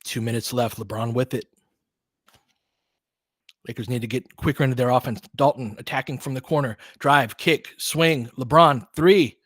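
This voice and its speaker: A man calls a basketball game live as a partisan fan, using terse, clipped phrases and getting excitable on big plays. His voice is medium-pitched at a moderate pace, with clean studio sound and no echo.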